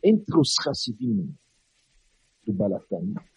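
A man with a foreign, non-native accent tells religious stories in a sermon, in a dramatic, emphatic manner with pauses and repeated phrases. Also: lowish voice, very animated, darkish tone, slightly rough, no echo, dull audio. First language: not Portuguese.

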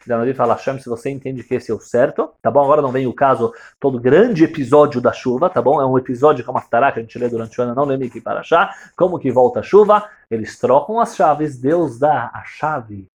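A man teaching a religious lesson as a story, animated and checking in with his listeners. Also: medium pitch, quick pace, few pauses, breathy edge. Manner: animated, checks in with tag questions, swings loud and soft. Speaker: Torah teacher.

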